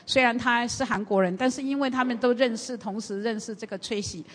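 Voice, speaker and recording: A woman pastor tells a story to her congregation with a lively, animated delivery and plenty of fillers. Her voice sits a little high. It rings with the long reverb of a church hall. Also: a little fast. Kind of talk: sermon storytelling in a church service.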